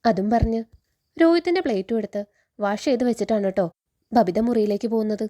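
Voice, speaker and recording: Woman, Kerala Malayalam accent, serial recap storyteller; quick, chatty, mellow tone, slightly high. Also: lively intonation. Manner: chatty, adds a friendly particle to each sentence.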